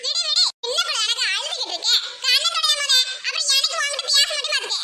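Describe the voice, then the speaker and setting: A woman's voice: very high-pitched, fast talker. A woman with a Tirunelveli Tamil accent, voicing cartoon comedy in a teasing, bickering way. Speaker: voice actor. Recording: loud background noise.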